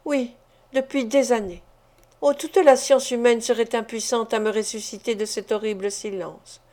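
A woman reading a storybook, voicing a mysterious young woman who speaks in a calm, grave and dignified way. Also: on the high side, moderate pace, lightly acted. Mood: despairing.

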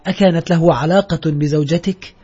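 A man's voice: fairly high pitch, steady tone, brisk, dark tone, husky. A male narrator voicing a desperate, weary young woman who pleads and reproaches. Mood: pleading. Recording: dull lo-fi audio.

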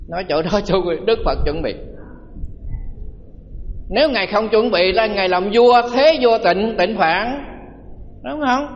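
High-voiced monk preaching in a reverberant hall. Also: male voice, moderate pace, slight background noise. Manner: conversational storytelling with rhetorical questions to the audience. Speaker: Buddhist monk giving a dharma talk. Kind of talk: sermon. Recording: dull lo-fi audio with long hall reverb.

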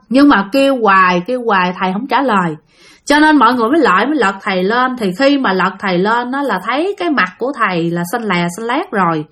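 Southern vietnamese woman telling a ghost story, kinda high voice, talks right to the listeners, lots of little fillers. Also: fairly bright tone. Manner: chatty, addresses listeners directly, frequent fillers. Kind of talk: casual spooky storytelling to listeners.

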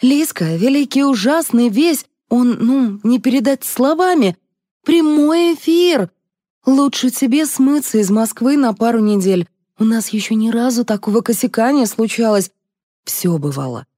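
A woman's voice: on the high side, very animated, unhurried, dry recording, studio quality, pitched above the performer's own voice. Woman playing a brash bossy TV producer. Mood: frantic. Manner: barking orders, brash and loud. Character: bossy young female TV producer, brash and commanding.

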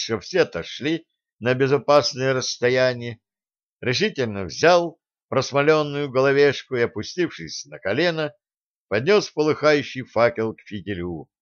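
A man's voice: medium pitch, animated, normal speed, no echo. Male audiobook narrator, dull lo-fi sound. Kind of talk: scripted narration.

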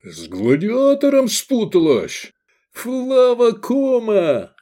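A man's voice: very high-pitched, wildly swooping pitch, slow, warm tone, pitched above the performer's own voice, heavily acted. A man doing a roaring Roman patrician father. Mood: furious. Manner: roaring, commanding. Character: enraged older Roman patrician father, domineering.

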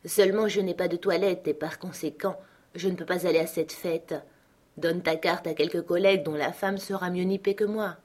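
A woman's voice: fairly low pitch, steady tone, normal speed, darkish tone, natural voice. Woman voicing a young wife, vain, longing, plaintive, pleading, storybook reading.

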